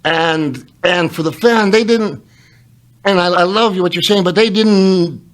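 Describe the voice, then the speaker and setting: Man, podcast host, ex-wrestler, fairly high-pitched, rambling, animated storyteller. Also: unhurried. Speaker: former pro wrestler. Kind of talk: casual interview chat.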